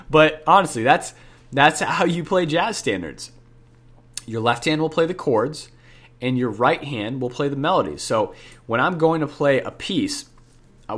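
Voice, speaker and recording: Speaking at medium pitch with a fairly bright tone, a man gives a casual jazz piano lesson on his podcast. His nose is stuffy, and he keeps restating the important points and self-correcting.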